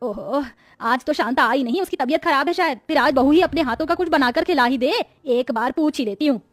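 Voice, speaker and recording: A woman's voice: sits high, brisk, no echo, close to an everyday voice. A woman voicing a wealthy, fussy but patient mother-in-law in a cartoon who speaks in a coaxing way. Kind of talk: Hindi cartoon voice acting.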